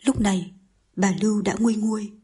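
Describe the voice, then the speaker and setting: Mellow, husky-voiced woman narrating a story. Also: mid-range voice, steady tone, fairly quick. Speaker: audiobook narrator. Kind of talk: scripted narration.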